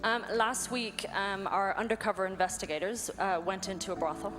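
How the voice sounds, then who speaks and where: An Irish woman in her twenties, an anti-trafficking worker appearing as a guest speaker, gives personal testimony in short phrases for an interpreter. Her mid-range voice moves at a moderate pace through a live PA in a large, reverberant event hall, with music playing behind her.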